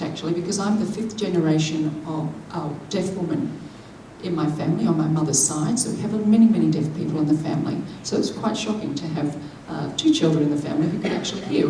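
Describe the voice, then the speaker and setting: A woman interprets a deaf speaker's keynote into spoken English in the first person, measured and drawing the audience in with questions. Her low, warm voice is captured from a distance in an echoey large conference hall, with a little hiss or hum.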